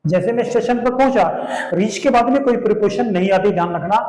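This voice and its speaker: A man's voice: high-pitched, fast talker, darkish tone, reverberant, poor audio. A man teaching a grammar lesson, explaining step by step and asking and answering his own questions.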